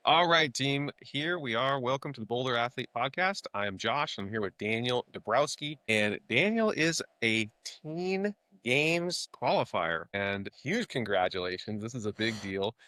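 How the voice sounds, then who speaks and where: Bright-voiced middle-aged man hosting a podcast. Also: mid-range voice, lively intonation, a little slow, hardly any pauses, no echo. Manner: chatty and jokey. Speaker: podcast host and interviewer. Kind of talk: casual upbeat podcast interview.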